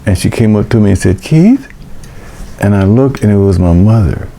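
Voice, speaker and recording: Older man, mellow dark voice, faint background hiss, halting emotional storytelling. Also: on the low side, fairly even intonation, creaky. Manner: halting, repeats words and restarts; emotional recollection. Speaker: vlog host. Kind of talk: personal storytelling.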